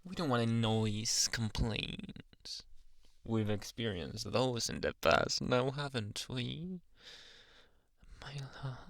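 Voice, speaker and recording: Close to a dry ASMR mic with no echo, a man voices a jealous, possessive, unhinged young anime boyfriend. His fairly bright voice slides between low speech and breathy whispers, menacing yet coaxing. He teases and draws out coaxing endearments.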